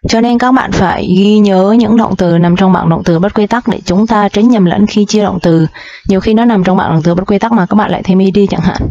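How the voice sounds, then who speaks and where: A woman's voice: medium pitch, darkish tone, no echo. Patient woman teaching grammar, dry lo-fi. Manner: patient, repeats points, addresses viewers directly. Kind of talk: slow explanatory grammar lesson. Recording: dull lo-fi dry sound.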